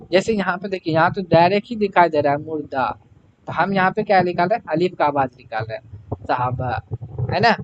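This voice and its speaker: A male language teacher walking through exam-prep questions, repeating each question to the class and then answering it himself. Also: sits high. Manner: fills pauses with "है ना". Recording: dull lo-fi recording with clear background noise.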